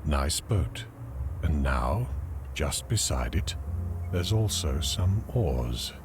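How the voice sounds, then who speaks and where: A man's voice: a bass voice, big pitch swings, slow pace, background noise, heavily acted. A man narrating an adventure game in terse, matter-of-fact scripted descriptions.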